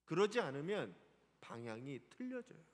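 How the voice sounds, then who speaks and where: A man's voice: a little high, normal speed, in a large hall. A male pastor preaching a Sunday sermon in a church sanctuary, asking the congregation questions. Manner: animated, asks the congregation questions.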